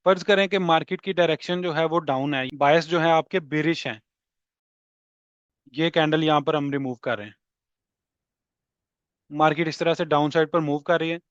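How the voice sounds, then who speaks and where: A man walks through trading charts in a fairly high voice, repeating key points and checking that his listeners follow. The recording is dry and a little dull, with no room sound. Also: fairly even intonation, normal speed, pauses often, no echo. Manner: explanatory, repeats key points, mixes English terms, checks in with "theek hai". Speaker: trading instructor. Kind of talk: explaining charts in a lesson.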